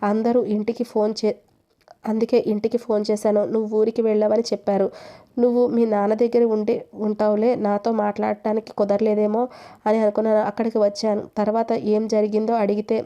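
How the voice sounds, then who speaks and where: A woman voicing a young husband, angry and loving, in an even, flat reading. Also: mid-range voice, a little fast, close to an everyday voice. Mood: pleading.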